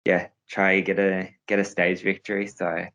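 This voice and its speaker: A man's voice: deep voice, monotone, moderate pace, a bit bright, poor audio. A young man, a professional cyclist, answering interview questions in a hesitant way, with many fillers and restarts.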